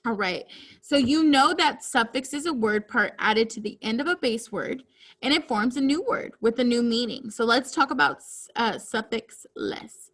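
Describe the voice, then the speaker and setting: A woman teacher giving a reading lesson to children, speaking deliberately and enunciating each word clearly. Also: a little high, animated, fairly bright tone.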